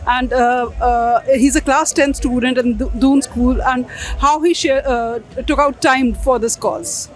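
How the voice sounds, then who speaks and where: A woman with an Indian accent conducting an unscripted interview on location, with halting, hesitant phrasing. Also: high-pitched, fairly even intonation. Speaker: interviewer, reporter.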